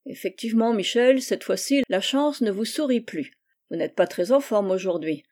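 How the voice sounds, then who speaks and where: A woman reading the part of a polite, smooth-talking German police inspector with a German accent in an audiobook. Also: medium pitch, moderate pace, lightly acted. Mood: courteous. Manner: courteous, flattering.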